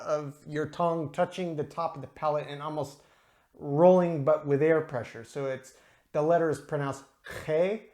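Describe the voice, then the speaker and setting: A man with a somewhat high voice walks viewers through a beer review in a relaxed, casual way. He explains things carefully and spells out pronunciations, and his talk is full of ums and uhs.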